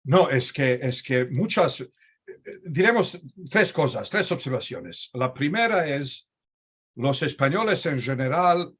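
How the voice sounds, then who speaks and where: Over a video call, a male host conducts a Ladino interview, his long, probing questions riddled with fillers and restarts. He sounds expressive and unhurried, with a medium-pitched, husky voice of fairly bright tone.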